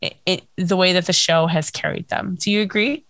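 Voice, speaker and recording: A young woman with a hoarse, scratchy, nasal voice, hosting a casual fan chat podcast with lots of fillers. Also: fairly low pitch, fairly quick, no room sound. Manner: chatty, filler-heavy, excitable. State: hoarse, lost voice. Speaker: podcast host.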